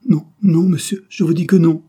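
A man's voice: a little high, fairly even intonation, moderate pace, dark tone, breathy edge, pitched above the performer's own voice. A man voicing a frightened young woman caught in a storm, pleading and breathless, in a classic French audiobook.

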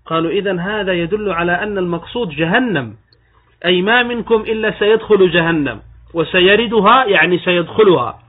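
Sheikh lecturing over thin phone-like audio. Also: male voice, high-pitched. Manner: explains step by step, slows down to recite quoted texts; asks rhetorical questions and then answers them. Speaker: sheikh teaching a creed lesson. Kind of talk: religious lecture in formal Arabic.

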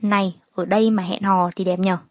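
A blunt, familiar young wife, as a woman narrator puts her on, chattering at a middling pitch. The voice sits dry and close to the mic. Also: little pitch movement, brisk, no room sound, close to an everyday voice. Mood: chatty.

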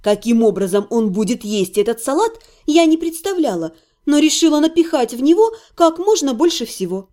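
A woman narrating a novel aloud in a lively, expressive way. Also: high-pitched, normal speed, hardly any pauses. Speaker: audiobook narrator.

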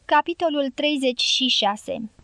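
A woman narrates a novel in a calm, measured audiobook reading. Her voice is high, and the recording is close and dry with no room echo. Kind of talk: scripted narration.

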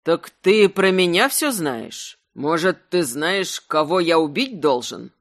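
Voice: mid-range voice, animated, slow, fairly bright tone. A narrator voicing a fierce, bitter young werewolf man who snarls and mocks. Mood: demanding. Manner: snarling, mocking. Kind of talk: audiobook character voice.

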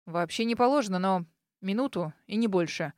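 A woman voicing a middle-aged male police officer who speaks in a formal, measured way. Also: medium pitch, animated, darkish tone, no echo, studio quality, natural voice.

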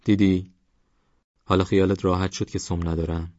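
A man voicing a calm, patient young man who reassures a frightened stranger. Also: deep voice, dry recording, natural voice. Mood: reassuring. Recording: dry, slightly dull recording.

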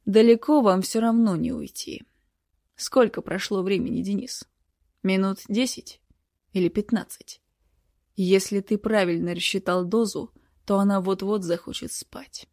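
Audiobook villain: a coolly menacing middle-aged doctor, mocking and unhurried, dark mellow tone, dry close sound, read by a woman. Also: mid-range voice, no room sound, natural voice. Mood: icily calm. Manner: calm, mocking.

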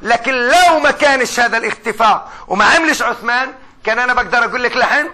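A man with a Palestinian accent giving a university lecture in everyday speech. He is animated and keeps asking questions and then answering them himself. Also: extremely high pitch, quick pace. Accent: Palestinian Arabic. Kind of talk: classroom lecture in colloquial speech.

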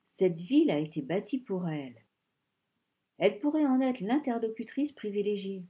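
A woman reading the part of an excitable older male scholar who pleads insistently. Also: medium pitch, normal speed, dull audio, lightly acted. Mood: fervent. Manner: insistent, imploring.

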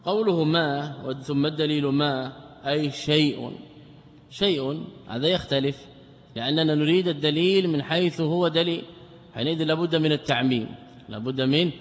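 A man's voice: on the high side, long reverb tail. A man teaching Islamic jurisprudence, quoting scholars, repeating key phrases and asking his students questions he then answers. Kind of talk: lecture explaining a text.

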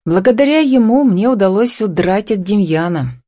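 A woman's voice: medium pitch, expressive, moderate pace, dark tone, no echo, close to an everyday voice. A woman reading as a frightened young woman on the run, dry close sound. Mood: weary whisper. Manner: plaintive, tearful.

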